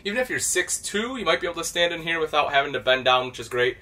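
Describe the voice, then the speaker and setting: Inside a small travel trailer, a product specialist in his thirties gives a casual, chatty walkthrough, easygoing and saying "you know" a lot. His voice is a little high, expressive, bright and forceful, and he talks fast.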